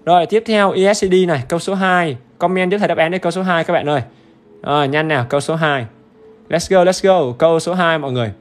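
A man's voice: on the high side, fast. Upbeat man teaching. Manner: upbeat and chatty, keeps urging viewers to comment; repetitive check-ins with the audience. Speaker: English teacher. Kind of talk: livestream exam-review lesson.

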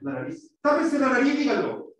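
High-voiced teacher in echoey classroom. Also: male voice, very animated, normal speed. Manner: explains step by step, quizzes students, demonstrates sounds. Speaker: English teacher. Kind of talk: classroom lesson. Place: school classroom. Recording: echoey classroom, mic far off.

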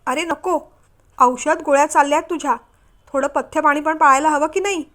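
A woman's voice: high voice, normal speed, a bit bright. A woman voicing a young mother who teases and lightly scolds her husband in a storybook reading. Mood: teasing. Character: warm teasing young mother, firm at heart.

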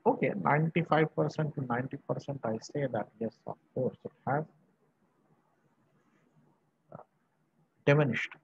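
A male professor from Varanasi in northern India gives an online lecture in a husky, medium-pitched voice, emphatic and halting, with short phrases he keeps repeating. He sits in a small indoor room. The muffled, dull video-call audio carries no echo.

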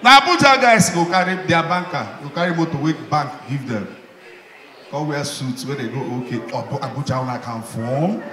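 A man with a Nigerian Igbo accent doing stand-up comedy on a live stage, animated, slipping into mocking voices for his characters. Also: fairly high pitch, moderate pace. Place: live stage with audience in a hall. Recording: echoey hall, audience noise. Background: audience laughter.

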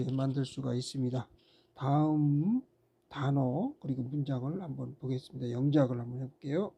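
An English teacher giving a recorded grammar lecture, patiently repeating words, pausing on fillers and asking rhetorical questions. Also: mid-range voice, mellow, husky, highs cut off. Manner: frequent "ja" fillers between steps.

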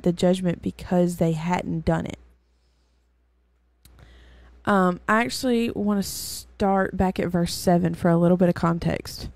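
A woman's voice: fairly low pitch, gravelly, a little mellow, no echo. A weary woman hosting and giving a casual, rambling Bible lesson, full of fillers and self-corrections. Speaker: host and Bible teacher.

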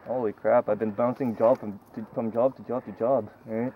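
A man's voice: medium pitch, fairly even intonation, moderate pace. A young man chats casually and wryly outdoors, a few steps from the camera mic. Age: young adult. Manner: wry, joking. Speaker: vlog participant. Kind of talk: casual chat. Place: open foggy lakeside, outdoors. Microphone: camera mic a few steps away. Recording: dull outdoor camera audio with noise.

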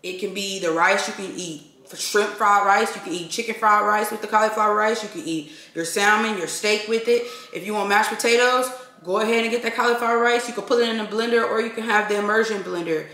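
A woman's voice: medium pitch, steady tone, brisk, pushed and bright. A middle-aged woman chatting casually to her viewers while she preps and cooks in her home kitchen, filmed by a camera across the room. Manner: chatty, addresses viewers as y'all. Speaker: cooking vlogger. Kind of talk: casual cooking demonstration. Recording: echoey kitchen with sizzling pans.

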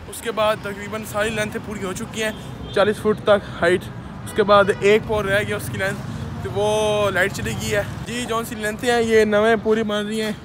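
Young vlogger man with a high voice. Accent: Punjabi-influenced Urdu. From Pakistan. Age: young adult. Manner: chatty, explaining to viewers. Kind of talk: casual vlog walkthrough. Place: rooftop construction site outdoors. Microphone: phone camera held at arm's length. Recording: noisy outdoor phone recording.

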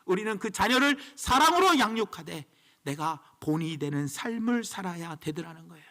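A pastor preaching with emphatic, storytelling force. His voice sits unusually high for a man and moves in a lively way, with a bright, forceful edge. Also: moderate pace. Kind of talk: sermon.

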